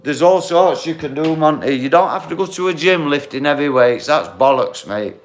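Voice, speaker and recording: His voice sits on the high side, animated and at a moderate pace, as this forties-aged host chats on a casual phone livestream. He's blunt, swears, and calls everyone mate and bro.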